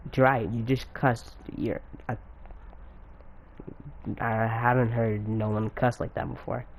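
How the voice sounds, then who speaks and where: A man's voice: mid-range voice, level tone, slow, a little hiss or hum. A young man doing a cocky, impatient boy ninja. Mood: startled. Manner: impatient, offhand. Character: cocky overpowered boy ninja, easily bored.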